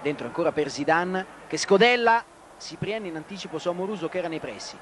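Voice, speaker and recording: A man's voice: a little high, quick pace. A man giving live football play-by-play in short, clipped phrases, naming players as they touch the ball. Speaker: football commentator. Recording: loud outdoor stadium noise, old broadcast. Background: outdoor stadium ambience.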